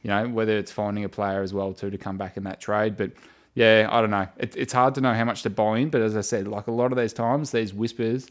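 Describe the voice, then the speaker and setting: A man's voice: lowish voice, steady tone, a little fast. An Australian man co-hosting a casual football podcast from a wooden shed, talking in a thoughtful, hesitant way. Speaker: sports podcast co-host. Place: in a wooden shed in the countryside, poorly soundproofed.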